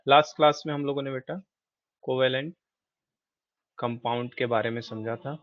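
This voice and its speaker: A male chemistry teacher leads a live class at a middle pitch, quizzing students and calling them "beta" as he mixes in English terms. The sound is dull and lo-fi. It is dry, with no room echo. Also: steady tone, moderate pace.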